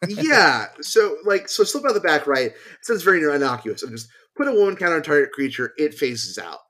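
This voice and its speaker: A man's voice: a little high, big pitch swings, fairly quick, pushed and bright. A man, a podcast guest, talking casually about a card game and thinking aloud with many fillers and restarts. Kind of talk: casual chat.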